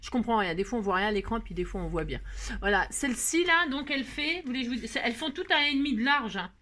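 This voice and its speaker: Talking fast in a fairly high, sharp voice with lively intonation, a woman leads a card-making tutorial. Each step gets narrated as her hands work, with playful, teasing asides to viewers and plenty of "hop" and filler words.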